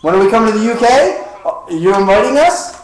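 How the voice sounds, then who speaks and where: A man's voice: high voice, lively intonation, fast. A man co-hosting a live call-in radio show in a casual, joking way, laughing often. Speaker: co-host. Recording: echoey room, faint noise.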